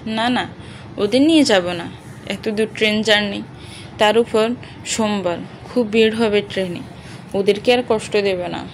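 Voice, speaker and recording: A woman's voice: medium pitch, measured pace, pauses often, a little hiss or hum, low-quality recording. A woman reading an audio story aloud, narrating and speaking every character's dialogue in one voice.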